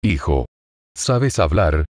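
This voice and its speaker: A man's voice: low-pitched, expressive, slow, darkish tone, dry recording, clean studio sound. A man voicing an earnest young father who keeps insisting to his children that he is their dad. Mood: pleading.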